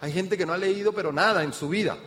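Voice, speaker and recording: A man giving an energetic motivational business seminar talk, speaking straight to the audience with rhetorical questions. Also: high voice, quick pace. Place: event hall with an audience. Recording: reverberant hall sound.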